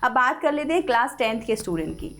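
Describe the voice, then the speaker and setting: High-voiced Indian woman teaching English. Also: big pitch swings, fast talker, a bit bright. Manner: explains step by step, repeats key words, addresses students as kids. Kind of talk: online class lecture.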